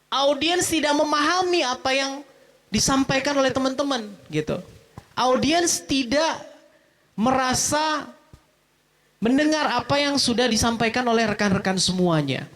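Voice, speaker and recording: A man giving a lively public speaking workshop at a mosque event. He asks the audience questions, answers them himself, and tags many of his sentences with "gitu ya.". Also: very high voice, a little slow. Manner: animated, with frequent "gitu ya" tags.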